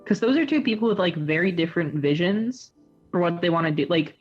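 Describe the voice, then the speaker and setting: A woman's voice: fairly low pitch, animated, a little fast, highs cut off, soft background music. A young woman co-hosting a casual podcast chat, joking in a dry way. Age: young adult. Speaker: podcast co-host.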